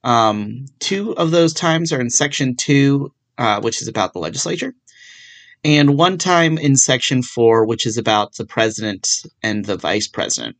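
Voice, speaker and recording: A young law student talks through a legal subject on his solo podcast, keeping it casual, self-mocking, and dryly sarcastic. His medium-pitched voice is animated and moves at a moderate pace.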